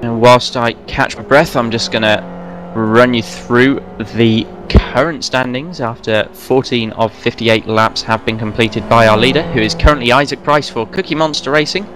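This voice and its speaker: A man giving fast, running play-by-play commentary on a sim race, now and then correcting himself. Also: medium pitch, steady tone, a bit bright. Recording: race car engine noise behind voice. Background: racing car engines.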